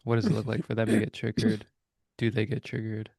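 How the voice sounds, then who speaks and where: A man's voice: fairly low pitch, little pitch movement, fast talker, gravelly, a little mellow, no room sound, clean studio sound. A man co-hosting a reflective spiritual podcast, musing aloud and searching for his words with many hesitations. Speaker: podcast co-host. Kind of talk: casual reflective conversation.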